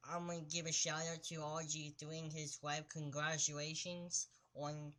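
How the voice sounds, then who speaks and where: A woman's voice: low-pitched, level tone, moderate pace, a bit bright. A woman co-hosting a casual sports talk show, making brief, simple remarks.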